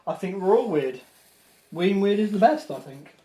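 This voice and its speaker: A man's voice: sits high, lively intonation, normal speed, dark tone. A man co-hosting a livestream and moderating its chat, bantering in a dry, teasing way. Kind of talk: casual live-stream chat.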